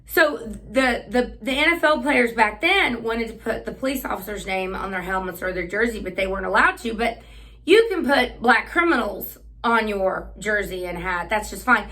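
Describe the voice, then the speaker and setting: A woman's voice: mid-range voice, lively intonation, moderate pace, sharp tone. A woman hosting a political commentary monologue, talking in a sarcastic, combative way. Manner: sarcastic, combative, with frequent fillers and restarts. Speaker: host.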